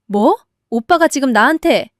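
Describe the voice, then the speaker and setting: A self-pitying young sister-in-law complains shrilly and demands help, voiced by a woman. Her voice climbs high, with a dry, close sound. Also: lively intonation, a little slow, no room sound. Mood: whiny.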